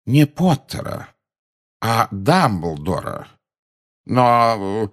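A man's voice: big pitch swings, drawn-out words, heavily acted. A man voicing a blustering, pompous minister who barks out his words and gloats. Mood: shocked. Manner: shrill, barking exclamations. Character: blustering middle-aged male minister, gleeful and pompous.

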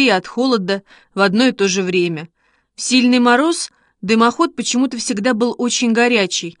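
A woman narrating a children's story in a steady, measured reading. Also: medium pitch, dry recording, studio quality. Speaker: audiobook reader.

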